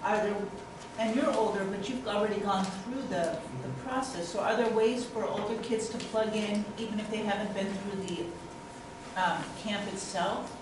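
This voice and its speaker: A woman's voice: medium pitch, moderate pace. A woman in the audience asking a question hesitantly, searching for her words. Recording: echoey hall, distant, with noise.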